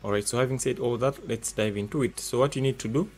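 A man's voice: mid-range voice, quick pace, darkish tone, soft background music. A man hosting a tech tutorial, talking through steps plainly with many filler sounds, recorded at a desk indoors. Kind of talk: step-by-step tutorial narration. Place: desk indoors, hands-only camera.

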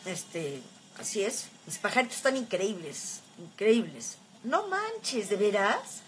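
A woman's voice: mid-range voice, very animated, slow, a little hiss or hum. Chatty Mexican woman in her fifties, livestream. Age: 50s. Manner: chatty and affectionate, many filler words. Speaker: livestream host. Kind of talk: casual chat reading viewer comments.

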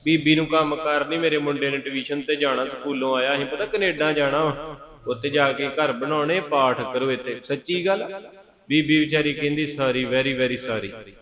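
A man preaching a Sikh katha sermon, telling stories and chanting verses slowly, asking the congregation to answer. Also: a little high. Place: large gurdwara hall with live congregation. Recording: echoey dull hall recording with crowd.

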